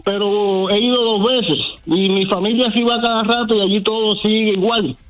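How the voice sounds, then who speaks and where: A man's voice: sits high, steady tone, normal speed, a bit bright, dull audio. A man calling into a radio show, indignant and emphatic. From Cuba. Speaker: caller. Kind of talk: call-in radio talk.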